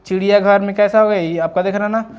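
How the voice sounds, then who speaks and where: High-voiced man drilling grammar questions. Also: steady tone, fast. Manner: drills students with repeated rhetorical questions. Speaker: teacher. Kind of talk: exam-prep grammar lesson.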